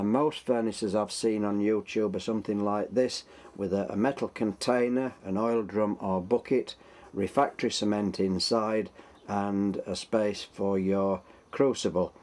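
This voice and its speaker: Yorkshire man with a lowish voice. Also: a little mellow. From Yorkshire, England. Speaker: host of a workshop engineering channel. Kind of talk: casual explanatory tutorial.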